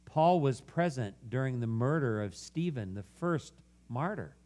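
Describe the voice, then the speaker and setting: A man preaching a sermon, earnestly telling a story that moves from animated to hushed. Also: mid-range voice, unhurried. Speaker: guest preacher.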